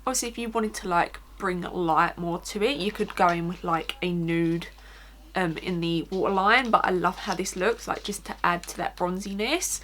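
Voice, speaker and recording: A woman's voice: lowish voice, normal speed, a bit bright, slight background noise. A woman with an Essex accent talking informally through a casual makeup tutorial as a beauty vlogger, often saying "like". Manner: informal, chatty, frequent "like".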